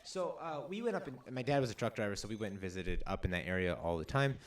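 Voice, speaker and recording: A man's voice: fairly low pitch, expressive, fast, slight background noise. A man co-hosting a video game let's play, chatting casually with lots of fillers and restarts. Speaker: co-host playing a video game.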